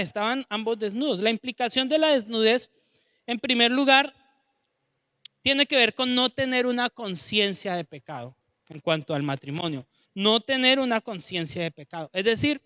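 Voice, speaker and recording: Male preacher, very high and bright voice, chatty Bible teacher. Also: no echo. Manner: conversational, acts out dialogue.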